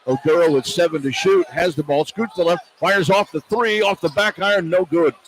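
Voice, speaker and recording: Here a high-voiced American man works the radio play-by-play for a basketball game at a fairly quick clip, calling each pass and shot in clipped phrases from courtside at an indoor arena. It's a rough recording, with a crowd, arena ambience and the ball's bounce in the background.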